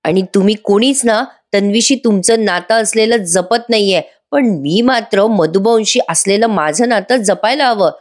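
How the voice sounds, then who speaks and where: Woman doing a rude grown son snapping back at his parents, sarcastic, pitch pushed up a little. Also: normal speed, hardly any pauses, natural voice. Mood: defiant. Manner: sarcastic, retorting.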